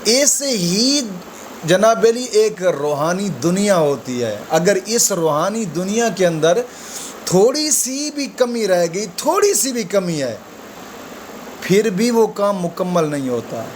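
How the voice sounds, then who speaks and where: A man's voice: big pitch swings, slight background noise. A man giving a conversational religious talk to viewers, calling them friends and explaining with everyday examples. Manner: slow, low Arabic recitation at the opening. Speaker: spiritual advice presenter.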